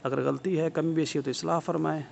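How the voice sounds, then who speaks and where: A man's voice: on the high side, steady tone, creaky, a little hiss or hum. A man with a Pakistani Urdu accent teaching a tajweed lesson, patiently explaining rules over and over and stretching sounds to demonstrate them. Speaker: Quran recitation teacher. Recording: dull lo-fi recording.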